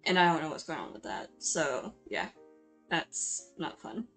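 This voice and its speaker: A woman's voice: low voice, big pitch swings, a little slow, fairly bright tone. A woman giving a chatty, informal voice-over for her video, speaking in a hesitant, apologetic, self-deprecating way. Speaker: video creator hosting a drawing speedpaint. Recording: music playing behind the voice. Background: background music.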